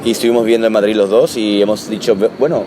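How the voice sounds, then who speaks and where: A man born in Italy, a musician answering interview questions in a halting, thoughtful way with many restarts. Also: on the low side, steady tone, background noise. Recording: loud music behind. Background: loud music.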